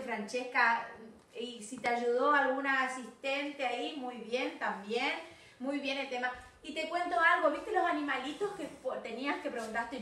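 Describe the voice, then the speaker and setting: High, bright teacher in an echoey room. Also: female voice, recorded from a distance. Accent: Rioplatense Spanish. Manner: animated, switches between English and Spanish, checks in with "¿sí?". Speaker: English teacher. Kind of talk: recorded video class for children.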